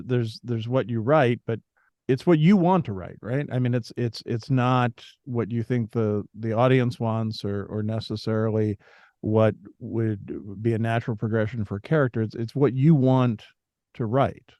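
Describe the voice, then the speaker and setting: A man's voice: mid-range voice, measured pace, dry recording, lo-fi sound. Male radio host, conversational questioner, dry close studio sound. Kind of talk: radio interview.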